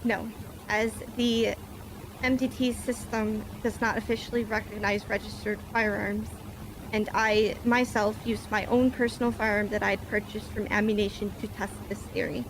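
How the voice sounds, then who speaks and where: A woman with a medium-pitched voice speaks flatly at a moderate pace over a noisy background. She plays a police officer on the witness stand in a game roleplay, giving formal courtroom testimony in stiff, report-style phrasing.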